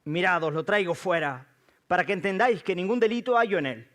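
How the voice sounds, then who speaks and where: An exasperated Roman governor, as a preacher reads his lines, his pitch lifted above the reader's own and his words pressed out with urgency. He speaks, questioning in a fairly high register. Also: lively intonation, a little fast, fairly bright tone. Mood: insistent.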